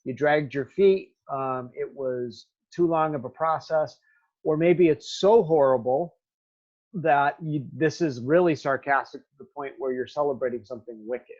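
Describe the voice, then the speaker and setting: A man teaching a recorded remote lesson, talking straight to his students in a halting way with many ums. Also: fairly high pitch, a little mellow, lo-fi sound.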